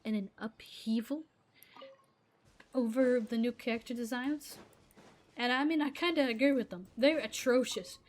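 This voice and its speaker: A fairly high-pitched woman at a moderate pace, pausing often, delivers a casual rant to camera. She's a gaming vlogger whose first language is Arabic, and her exasperated rambling keeps trailing off mid-sentence.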